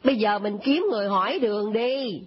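Woman playing a breathy, weary grown daughter. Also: medium pitch, brisk, lightly acted. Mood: pleading. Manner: pleading, placating. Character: weary grown daughter placating her mother. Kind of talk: comedy skit acting. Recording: dull lo-fi recording.

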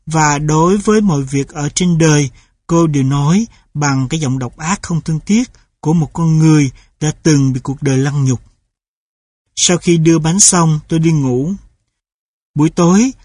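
A man reading a memoir-style story aloud in steady, measured scripted narration. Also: fairly high pitch, breathy edge, no echo, clean studio sound.

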